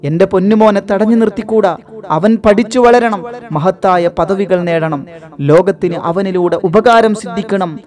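A grieving, devout mother speaks softly and pleadingly to her young son, as a male narrator puts her on. The voice sits fairly high and stays gentle throughout the storybook reading. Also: a little slow. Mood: tender, prayerful. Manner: tender, pleading.

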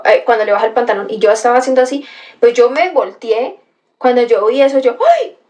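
High-voiced woman livestreaming. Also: fast talker. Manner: animated storytelling with gasps and exclamations. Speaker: livestream host reading chat. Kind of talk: casual livestream chat.

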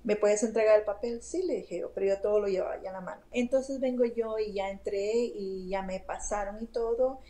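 Woman chatting away about her day, mellow warm tone, lots of fillers. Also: mid-range voice, low-quality recording. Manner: chatty, many fillers and asides to the host. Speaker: interview guest. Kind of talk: casual storytelling.

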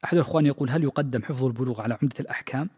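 A man's voice: mid-range voice, very fast, darkish tone, breathy edge. A middle-aged man, a sheikh, giving a spoken lecture on Islamic jurisprudence, thinking aloud with many fillers and restarts. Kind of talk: mosque lecture, spoken freely. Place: large mosque. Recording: long reverb of a large mosque.

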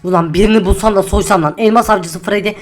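A woman's voice: medium pitch, fairly even intonation, quick pace, close to an everyday voice. A woman voicing a greedy, hot-tempered male diamond miner in a game role-play, who curses and grumbles and repeats himself over and over. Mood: grumbling. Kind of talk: Minecraft role-play acting.

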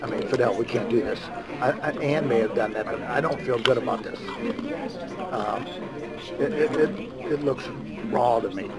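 A man in a halting, deliberating private business conversation, secretly recorded on a wire hidden under clothes. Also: mid-range voice, loud music behind the voice. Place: busy restaurant, indoors. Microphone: hidden body wire under clothes. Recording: muffled hidden wire, loud restaurant chatter.

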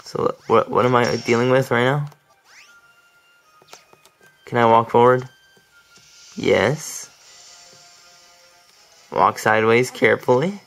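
A man's voice: medium pitch, takes it slowly, creaky, long pauses, a bit bright, low-quality recording. A young man casually commentating his gameplay, chatty and laughing often, tripping over his words. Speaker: let's play commentator. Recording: faint game music behind.

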